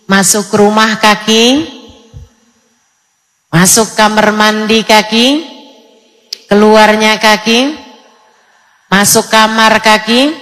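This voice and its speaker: A woman's voice: medium pitch, fairly bright tone, big-room sound. A woman in her forties from Indonesia, preaching a sermon to an audience and telling stories with acted dialogue. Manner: storytelling, acts out dialogue voices. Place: lecture hall before an audience.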